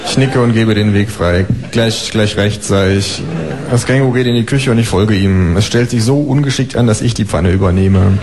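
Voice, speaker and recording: A man reading his own comic stories aloud in a dry, deadpan first-person narration. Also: on the low side, fairly quick, hardly any pauses, crowd noise. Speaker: author reading.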